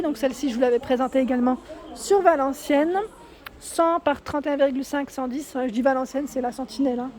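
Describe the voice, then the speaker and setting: High-pitched woman, store walkthrough vlog, steady listing of prices and sizes, handheld phone mic. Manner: reads out prices and sizes in a steady list, with small self-corrections. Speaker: vlogger showing store furniture.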